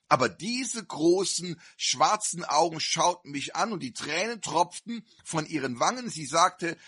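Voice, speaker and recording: A man delivers a fervent sermon at a slow, deliberate pace. His voice is fairly high and bright, with a husky edge, and it swings widely in pitch as he builds emphasis. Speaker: preacher. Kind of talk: sermon with storytelling and prayer.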